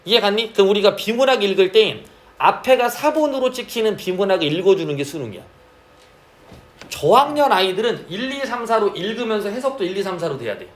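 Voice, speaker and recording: Lively high-voiced male teacher. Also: a little fast. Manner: asks frequent check questions, drawls key terms. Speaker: Korean literature teacher. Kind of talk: classroom lecture.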